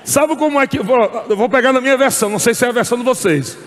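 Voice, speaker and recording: A man preaching a sermon as pastor, animated and often shouting and laughing, at a church service. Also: very high voice, racing. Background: music.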